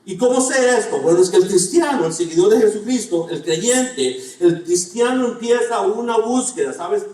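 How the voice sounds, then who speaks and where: A middle-aged pastor with a high, dark-toned voice preaches earnestly at a moderate pace, with lively intonation and hardly any pauses. He tells personal stories and asks the congregation questions. Recorded from far off in an echoey church sanctuary.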